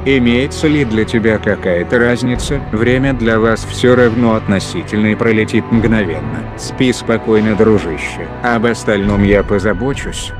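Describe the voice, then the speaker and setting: A man playing a calm, rational ship's computer in a sci-fi audio drama, formal, precise and emotionless. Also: lowish voice, over music, close to an everyday voice. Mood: calm, consoling. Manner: measured, precise, emotionless announcements.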